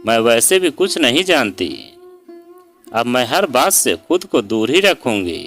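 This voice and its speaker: A man's voice: medium pitch, big pitch swings, measured pace, fairly bright tone, faint music behind. A man voicing a hurt, outspoken young daughter-in-law in a storybook reading, speaking sharply and sarcastically. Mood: firm. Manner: sarcastic and pleading by turns.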